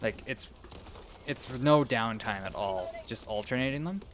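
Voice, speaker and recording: A man's voice: mid-range voice, measured pace, a bit bright, a little hiss or hum. A young man giving rambling, casual commentary while playing a video game, often losing his train of thought. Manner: rambling, meandering, self-interrupting. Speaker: gaming video creator.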